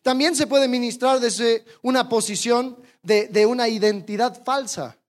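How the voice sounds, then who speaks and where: A preacher delivering a sermon, animated, asking the congregation rhetorical questions and acting out the attitudes they describe. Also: mid-range voice, a little slow. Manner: animated, acts out quoted attitudes.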